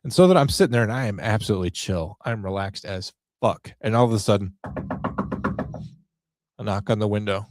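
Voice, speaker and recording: A man's voice: on the low side, fairly quick, long pauses, a little mellow, dry recording, faint music behind. A man in his forties hosting a podcast, telling self-mocking stories in a casual, wry monologue. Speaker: podcast host.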